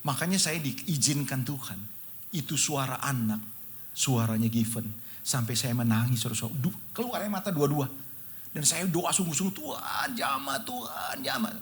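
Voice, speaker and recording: A man's voice: medium pitch, expressive, moderate pace. A middle-aged male pastor preaching an emotional, storytelling sermon, often addressing the congregation directly. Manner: repeatedly addresses listeners as brothers and sisters.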